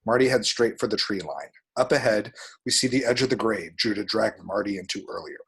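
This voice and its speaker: Brisk and creaky, a fairly low man's voice with a bit of brightness and a breathy edge reads a screenplay's action descriptions at a table read. The scripted narration is vivid and dramatic, with the sound effects spoken aloud.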